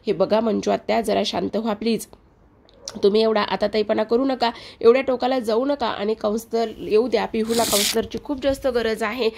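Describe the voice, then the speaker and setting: A woman reading the lines of a calm young man who coaxes someone to settle down. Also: on the high side, brisk, vocal fry. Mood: coaxing. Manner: coaxing, calming.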